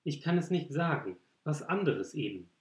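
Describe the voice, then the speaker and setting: A man's voice: on the high side, very animated, moderate pace. A man voicing a stubborn, guarded nine-year-old boy in a storybook reading, with terse answers. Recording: roomy echo.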